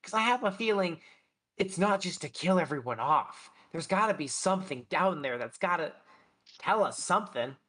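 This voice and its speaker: Emphatic, higher-voiced man at a game table. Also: expressive, normal speed, a bit bright. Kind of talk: casual chat.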